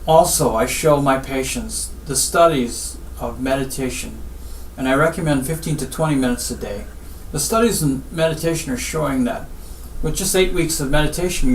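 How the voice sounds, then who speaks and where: A man from Guyana, a spinal surgeon, giving measured advice in an interview and often repeating what he tells his patients. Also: medium pitch, slight background noise. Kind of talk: interview answers. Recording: roomy, distant mic with faint ambience.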